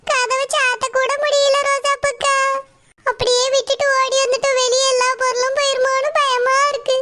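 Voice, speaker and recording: A woman's voice: very high-pitched, level tone, normal speed. A woman voicing a tearful, anxious village woman with a Tirunelveli Tamil accent. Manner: fretful, pleading. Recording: loud hiss behind voice.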